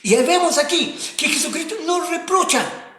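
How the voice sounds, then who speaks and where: A man delivers a sermon in a high voice, dropping soft for scripture and rising to fervent, shouted passages. The sound carries a roomy echo, as in a church hall. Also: lively intonation, normal speed. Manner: swings from quiet reading to loud impassioned preaching. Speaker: preacher.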